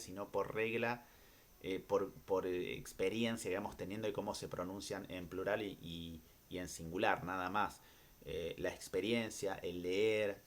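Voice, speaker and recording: Argentine man, low voice, unhurried teacher drilling vocabulary, hesitant fillers. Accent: Argentine Spanish. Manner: slow, repeats each word pair, checks with "¿sí?". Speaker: English teacher. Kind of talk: recorded classroom lesson.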